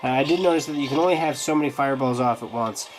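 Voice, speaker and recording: This poor-audio clip has music in the background as an app reviewer talks very fast through a gameplay demo of a mobile game. The host's medium-pitched voice is nasal and congested because he's getting over a cold, and his review commentary is casual and meandering.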